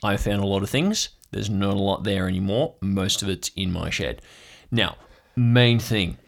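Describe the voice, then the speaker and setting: A man's voice: lowish voice, moderate pace, vocal fry. A man voicing a rambling, forgetful older uncle in an improvised tabletop role-play, sure the government always lies. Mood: conspiratorial. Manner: scattered, conspiratorial, forgetful. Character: rambling eccentric older male conspiracy-minded uncle.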